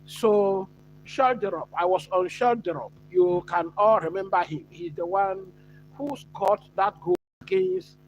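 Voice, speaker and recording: A man from Ghana hosting a live football watch-along, chatting casually and answering viewers with many pauses and fillers. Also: high-pitched, expressive, lo-fi sound, a little hiss or hum. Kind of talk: live stream football chat.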